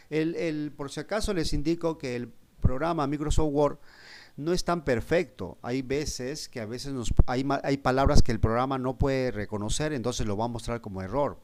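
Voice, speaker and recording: In a screen-recorded lesson, a Latin American Spanish-speaking man patiently walks a class of children through a computer program step by step, questioning them along the way. He speaks at medium pitch with a darkish tone, and there's a little hiss or hum.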